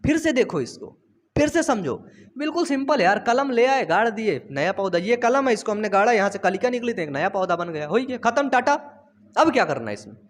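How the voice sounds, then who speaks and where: Young male biology tutor, high voice, chatty and teasing. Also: very animated, brisk. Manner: chatty, teasing students, repeats phrases. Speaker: biology teacher. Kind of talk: casual online lesson. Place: home studio.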